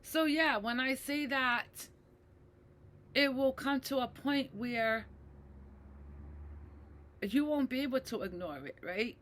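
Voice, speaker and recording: A woman's voice: sits high, slow pace, pauses often, fairly bright tone, a little hiss or hum. A middle-aged woman, a mental health advocate, speaking emotionally and personally to her viewers, with many fillers and tag questions. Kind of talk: personal talk to camera.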